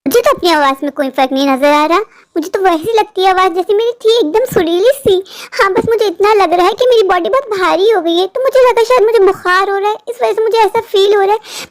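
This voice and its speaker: A woman voicing a scared, naive young unmarried woman in a cartoon, rambling to herself in a fretful way. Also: very high voice. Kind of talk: cartoon voice acting.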